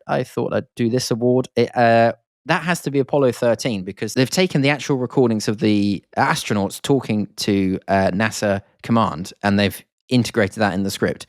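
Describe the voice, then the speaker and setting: A man's voice: medium pitch, moderate pace, no room sound, studio quality. Rambling man hosting a podcast. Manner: rambling and enthusiastic, many fillers and restarts. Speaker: podcast host. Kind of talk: casual podcast monologue.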